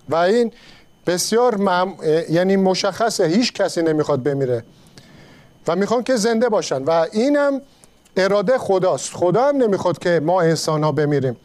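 A man with a notably high voice delivers a sermon. He speaks slowly and carefully, pausing often between phrases as he explains scripture. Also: a little mellow. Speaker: preacher.

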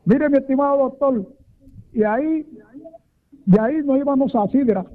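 A man's voice: very high voice, normal speed. An older man with a Puerto Rican accent calling in to a radio show, speaking in a formal, flowery, long-winded way. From Puerto Rico. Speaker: caller. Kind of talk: radio call-in. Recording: tinny phone line.

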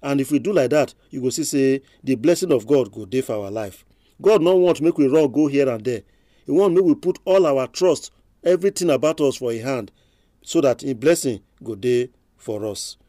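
A man's voice: medium pitch, expressive, moderate pace, mellow, dry recording, studio quality. A man from Nigeria with a Nigerian Pidgin accent, giving a short sermon and prayer as a church elder.

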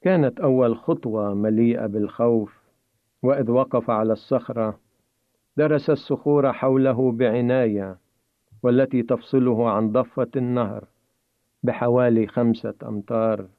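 A man tells a story aloud in a measured, dramatic way. His voice sits at a medium pitch. The sound is thin and phone-like, dry and close with no room echo. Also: steady tone. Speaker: narrator. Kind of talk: storytelling narration. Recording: tinny phone-like dry recording.

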